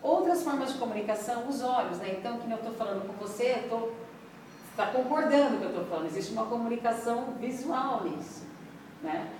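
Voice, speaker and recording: A woman's voice: a little high, brisk, a little mellow, a little hiss or hum. Woman giving a class, chatty, always checking in, voice bouncing round a big echoey room from far away. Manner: conversational, checks in with listeners often. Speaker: instructor. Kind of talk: classroom lecture.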